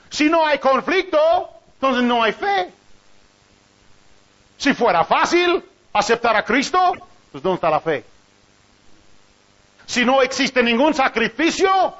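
A man with a strikingly high voice preaches an animated sermon, piling up rhetorical questions and chuckling between points. The recording is dull and lo-fi.

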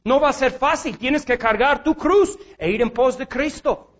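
A man preaching a sermon, emphatic, moving between quiet and shouted lines. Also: very high-pitched, moderate pace, lo-fi sound, a little hiss or hum.

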